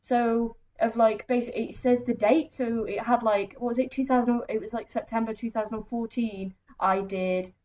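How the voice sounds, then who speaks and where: A woman's voice: fairly high pitch, fairly even intonation, moderate pace, few pauses, a little mellow, poor audio. A woman co-hosting a casual gaming podcast, chatty and enthusiastic, with lots of "like" fillers. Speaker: podcast co-host.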